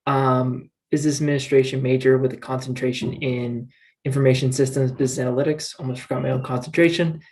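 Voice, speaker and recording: A man's voice: mid-range voice, flat delivery, quick pace, a little mellow, poor audio. A young man from Massachusetts on a casual video call panel, easygoing and self-deprecating. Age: young adult. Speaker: student panelist. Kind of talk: casual livestream Q&A.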